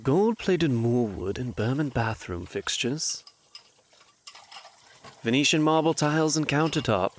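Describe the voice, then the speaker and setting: A man playing a suave, vain, scheming fairy-tale prince in a comic dub, smooth-talking, theatrical and falsely humble. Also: medium pitch. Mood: admiring.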